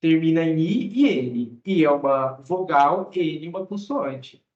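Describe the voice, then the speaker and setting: A Brazilian man teaching English grammar in a fairly high voice, with Portuguese as his first language. He explains step by step and keeps checking in with his listeners. The sound is roomy and a little dull, as from a lo-fi recording. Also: lively intonation, unhurried, a little mellow.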